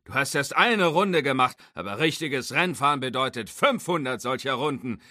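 A man voicing a gruff old male race car mentor who lectures sternly. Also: mid-range voice, lively intonation, normal speed, sharp tone, no echo, clean studio sound, pitched above the performer's own voice.

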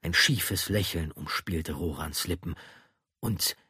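Very husky man reading a fantasy audiobook. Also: low voice, no echo, clean studio sound. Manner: dramatic, drops to a hush and slows at tense moments. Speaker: audiobook narrator. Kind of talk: scripted fantasy audiobook narration.

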